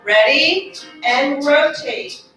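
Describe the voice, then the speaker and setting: A female fitness instructor leads an exercise class in a carpeted studio, calling out moves while working out and a bit breathless. Her high, animated voice stretches out words and sounds far from the mic in a very echoey room with faint music.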